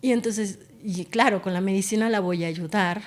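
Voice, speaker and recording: A woman's voice: mid-range voice, normal speed. A woman neurologist, a guest in an interview, explains things and tells stories about her patients expressively. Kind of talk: conversational interview.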